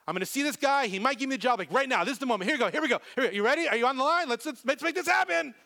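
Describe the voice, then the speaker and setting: A panicky, broke man pleading with God, his voice climbing high and loud as he gets more worked up, acted out by a preacher in a live sermon. He talks in a rushed, begging way and keeps pushing for it to happen now. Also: no echo. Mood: frantic, pleading. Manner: pleading, rushed, rising into excited shouting.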